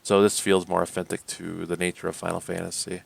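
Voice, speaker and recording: A man co-hosting a podcast, chatting casually about games in a rambling way, full of fillers and quick laughs. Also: deep voice, monotone, gravelly, no echo. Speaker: podcast co-host. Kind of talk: casual gaming chat.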